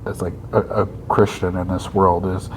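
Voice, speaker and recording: A man's voice: low-pitched, flat delivery, normal speed, a little hiss or hum, poor audio. A man in his thirties co-hosting a casual faith podcast, thinking aloud and checking in with his listener as he goes. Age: 30s. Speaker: podcast co-host.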